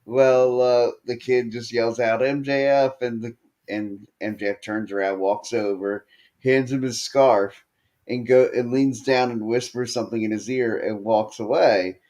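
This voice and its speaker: Retelling wrestling matches on a casual podcast he co-hosts, a man speaks in an unhurried, medium-pitched voice. His storytelling is animated but keeps getting broken up by fillers and restarts.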